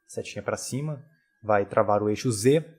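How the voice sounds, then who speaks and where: A man, teaching a software tutorial over a screen recording in a relaxed, casual way full of tag questions. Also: on the low side, moderate pace, slightly rough.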